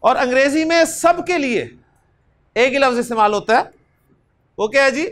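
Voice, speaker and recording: High-voiced man teaching class. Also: animated, normal speed, a bit bright. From Pakistan. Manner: patient, repetitive, often adds "ji". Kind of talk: classroom lecture with recitation drills. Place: classroom with students.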